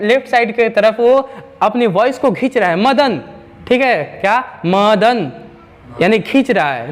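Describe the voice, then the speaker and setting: A man teaching English spelling rules in a classroom lesson, repeating himself, stretching out sounds slowly and asking the class rhetorical questions. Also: sits high. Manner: repetitive, drawn-out sounds, asks rhetorical questions.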